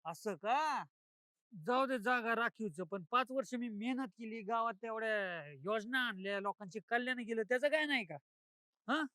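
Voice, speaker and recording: A scheming ex-sarpanch. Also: male voice, very high-pitched, animated, moderate pace, sharp tone, dry recording, clean studio sound, heavily acted. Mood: defensive. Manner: defensive, plotting. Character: scheming former village sarpanch, middle-aged man.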